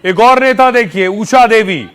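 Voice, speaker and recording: A man narrating a television news report as anchor, with a brisk, punchy broadcast delivery. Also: high voice, over a noisy crowd.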